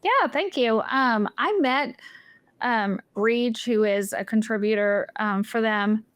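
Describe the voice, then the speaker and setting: A woman's voice: a little high, slow pace, clean tone, no echo. A woman guesting on a podcast, chatting casually with lots of fillers and giggles. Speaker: casino YouTuber and guest.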